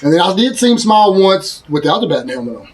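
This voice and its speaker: A man's voice: high-pitched, sing-song, fast, crowd noise. A man co-hosting a podcast, recounting events in laid-back casual chat. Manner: laid-back storytelling with quoted asides. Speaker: podcast co-host.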